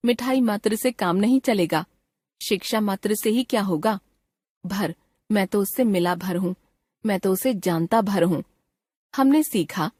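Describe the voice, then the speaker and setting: Female narrator for a textbook grammar lesson, slow and deliberate, dry close read. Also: mid-range voice, a little mellow, no room sound. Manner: reads definitions and example sentences in a measured, deliberate way. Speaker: grammar teacher.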